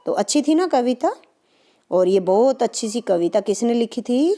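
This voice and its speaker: A woman's voice: a little high, animated, normal speed, dark tone. A woman teacher patiently explaining a poem line by line to young pupils, often checking with little questions.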